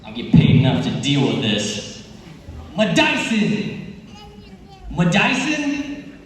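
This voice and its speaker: A man plays a flustered substitute teacher in a school comedy skit, easily riled and full of threats. His voice is high and he drags out his words in exasperation. It carries from a distance through a big hall with long reverb. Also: wildly swooping pitch, slight background noise, full character voice. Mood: furious, flustered. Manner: flustered, exasperated, threatening, drawn-out name calling. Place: large indoor school assembly hall.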